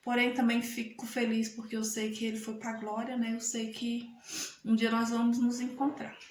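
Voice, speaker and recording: A woman's voice: on the high side, completely flat delivery, moderate pace, slight background noise. Chatty mineira woman in an echoey room. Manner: chatty, addresses viewers often as "gente", religious phrasing. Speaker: vlogger. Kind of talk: casual heartfelt talk to camera. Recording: echoey room with faint ambience.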